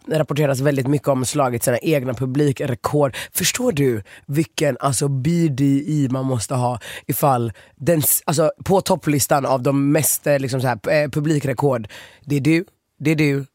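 A man's voice: medium pitch, a little mellow, dry recording, clean studio sound. A man co-hosting a radio show, telling stories in a rambling way with many fillers. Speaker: radio co-host. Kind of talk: casual radio chat.

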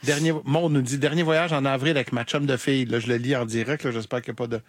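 A man's voice: mid-range voice, fairly even intonation, quick pace, dry recording. A man with a Québécois accent hosting a morning radio show, chatty as he reads out listener messages. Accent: Québécois French. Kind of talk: casual radio chat. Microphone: studio mic.

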